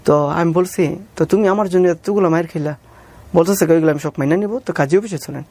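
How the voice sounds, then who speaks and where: This interview guest, a man with a Bangladeshi accent, recounts his personal story and acts out past conversations, deferentially saying "sir" to the interviewer. His voice sits on the high side and is mellow, his delivery is fast, and there's no echo.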